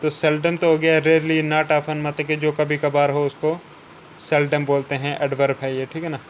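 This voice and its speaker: Flat-voiced man teaching vocabulary. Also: fairly high pitch, dull audio, slight background noise. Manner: repeats "ठीक है ना" after each point, slows down for English definitions. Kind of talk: explaining word meanings in Hindi.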